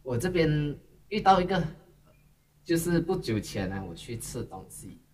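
Man, casual chat, teasing, halting repeats; distant mic. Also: fairly high pitch, very animated, slight background noise.

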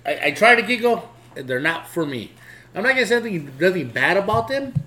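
A man's voice: sits high, very animated, brisk, sharp tone, slight background noise. A man from Mexico hosting a casual chat podcast, joking, swearing and laughing often. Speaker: podcast host.

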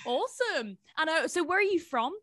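Woman, show host, fairly high voice, dry close sound, informal slangy interview chat. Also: big pitch swings, fairly quick, a bit bright, no room sound.

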